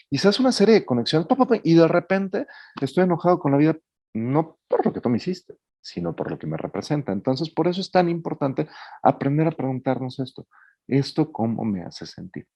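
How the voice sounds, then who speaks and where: A man speaks in a low, dark, mellow voice, lively and conversational, often acting out little scenes. The sound is dry and a bit dull, like a lo-fi online talk. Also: no echo. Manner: animated, jumps into mock dialogues. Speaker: speaker on emotional intelligence. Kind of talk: webinar talk.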